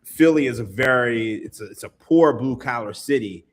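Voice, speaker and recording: Guesting on a podcast, a thirtysomething sports writer from Philadelphia, USA, chats casually and tells stories, laughing and swearing freely. He talks at a normal pace in a mid-range voice.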